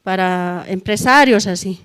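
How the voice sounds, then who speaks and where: A woman's voice: mid-range voice, measured pace, a bit bright, smooth. A middle-aged woman gives a spoken testimony at a church prayer service, ending nearly every phrase with a questioning "no?". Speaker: church member giving testimony. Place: church hall.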